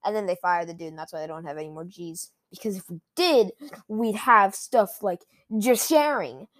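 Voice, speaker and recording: A woman's voice: on the low side, a little fast, a bit bright. A woman vlogger in a casual comedic rant, rambling with lots of "like" and restarts. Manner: rambling, heavy use of "like" and restarts.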